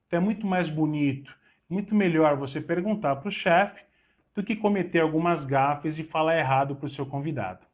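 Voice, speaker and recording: A middle-aged man with a Brazilian Portuguese accent teaches waiter skills with a slightly raised pitch. He leans on key words and slips briefly into the voices of a waiter and a guest to show how service should sound. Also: moderate pace. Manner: acts out short waiter-and-guest dialogues, stresses words. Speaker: waiter trainer. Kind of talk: instructional talk to camera.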